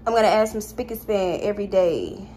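A woman's voice: mid-range voice, brisk, mellow, a little hiss or hum. A young woman chatting casually to her viewers while she cleans at home, filmed on a phone. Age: young adult. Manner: chatty, talks to viewers as "y'all". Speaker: vlogger. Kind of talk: casual vlog chat. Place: home kitchen, indoors. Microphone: phone camera held by hand.

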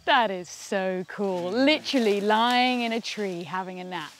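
A woman's voice: mid-range voice, a little slow, a little hiss or hum. A middle-aged woman presenting as a zoologist, chatting casually and enthusiastically out in the field. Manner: enthusiastic, expressive. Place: outdoors in rainforest. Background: music.

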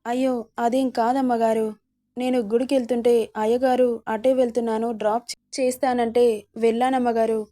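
Timid young maid, read by a woman, deferential, high-ish mellow voice. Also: flat delivery, normal speed, lightly acted. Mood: pleading. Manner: pleading, deferential.

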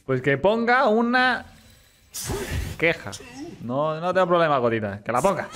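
A young man with a Canary Islands accent, commenting casually on his gameplay and swearing excitedly at the game. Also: on the high side, a little slow. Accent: Canary Islands Spanish.

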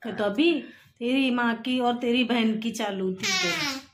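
A woman's voice: fairly high pitch, lively intonation, unhurried. A woman in her thirties filming a casual family vlog at home, talking to viewers and snapping back in a quarrel with her husband. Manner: chatty, addresses viewers, turns sharp when arguing. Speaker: vlogger. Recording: echoey home room.

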